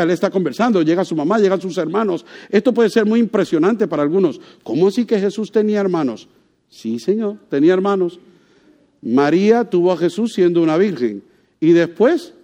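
A man's voice: high voice, warm tone. A man preaching a sermon, conversational, asking the congregation rhetorical questions and joking lightly. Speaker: pastor.

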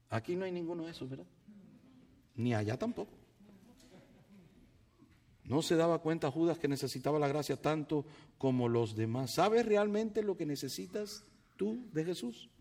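A male pastor preaching a sermon in a fairly high voice. He swings widely in pitch and loudness, acting out his church members and then dropping low and quiet. His delivery moves from brisk conversational asides to slow, emphatic points.

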